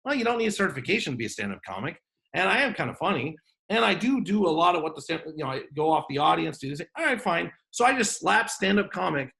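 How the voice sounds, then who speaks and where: A man's voice: a little high, very animated, fast, vocal fry, pushed and bright. A man hosting an online business workshop over a video call, talking in a joking, off-the-cuff way. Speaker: workshop host.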